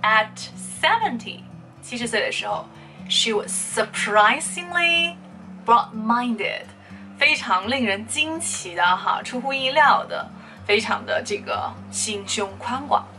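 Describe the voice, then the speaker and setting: A woman's voice: fairly high pitch, lively intonation, sharp tone, recorded from a distance, faint music behind. Teacher woman drilling English words. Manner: repeats English words slowly, drawn-out for drilling. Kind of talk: spoken English lesson.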